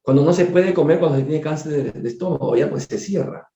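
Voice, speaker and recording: A doctor telling a case story during a spiritist book study, conversational and digressive, repeating words and turning to his listeners with quick asides. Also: fairly high pitch, warm tone. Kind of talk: storytelling lecture. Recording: echoey room, dull lo-fi sound.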